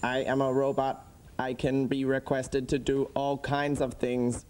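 A man playing a friendly male robot in a children's TV show, talking in a put-on robot voice with slow, stiff, helpful phrasing. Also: medium pitch, monotone, darkish tone, a little hiss or hum, lightly acted. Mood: obliging. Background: music.

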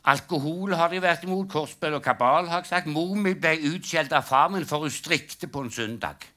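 An older man performs stand-up on a live comedy stage, his voice on the high side, bright and pushed. He tells jokes in a dry, storytelling way and acts out the punchlines.

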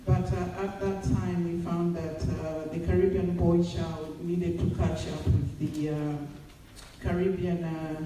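A woman from Zambia gives a measured, hesitant talk as a panel speaker at a women's forum, recorded from the audience in a large hotel function room. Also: lowish voice, warm tone. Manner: measured, hesitant with many fillers. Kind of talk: public speech at an event. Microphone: far phone camera in the audience. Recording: echoey hall heard from far off.

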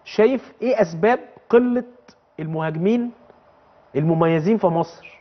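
A man's voice: high voice, fairly quick, highs cut off. A man with an Egyptian Arabic accent hosting a sports talk show, prompting his guest and finishing his sentences. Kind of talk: casual TV interview.

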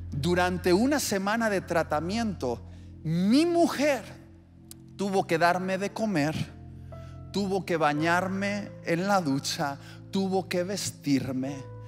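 Preacher in a reverberant hall. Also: male voice, high-pitched, animated, takes it slowly. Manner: vivid storytelling with acted-out scenes. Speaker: pastor. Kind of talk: sermon. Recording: long hall reverb with soft music.

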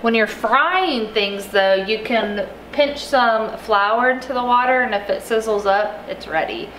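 A woman's voice: a little high, measured pace, fairly bright tone, reverberant, a little hiss or hum. A woman cooking at home, casually explaining her recipe step by step as she goes. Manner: explains steps plainly and chattily. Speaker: home cook.

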